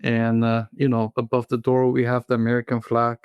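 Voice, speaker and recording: A Bulgarian man in his thirties, speaking with a Bulgarian accent, appears as a guest in a casual interview and talks haltingly, full of fillers and restarts. His medium-pitched voice is monotone and smooth, with no room sound and dull audio.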